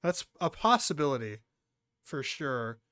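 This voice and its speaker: A man's voice: fairly high pitch, very animated, unhurried, pushed and bright, dry recording, studio quality. A man playing as a quiz contestant, chatting casually, thinking aloud and swearing freely.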